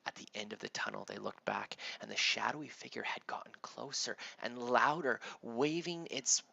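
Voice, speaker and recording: Lively gravelly storyteller man. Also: mid-range voice, normal speed. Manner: lively, dramatic with hushed whispers. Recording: dull lo-fi recording.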